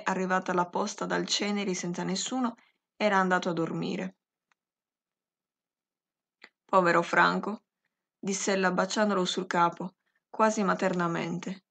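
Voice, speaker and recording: Female audiobook narrator, measured literary reading, gravelly fry, mid pitch. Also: fairly bright tone.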